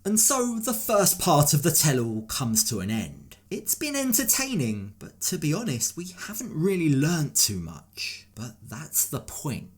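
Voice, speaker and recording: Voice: mid-range voice, wildly swooping pitch, a little slow, hardly any pauses, breathy edge. A host giving scripted, opinionated commentary on a reality show and asking pointed questions.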